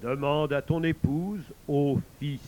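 A man reading a tale aloud, voicing an old, fatherly God who speaks in a calm, measured way. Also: on the high side.

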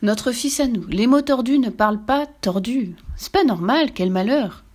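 A woman's voice: medium pitch, expressive, normal speed, lightly acted. A woman voicing an anxious young duke and father who laments dramatically over his son. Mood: lamenting.

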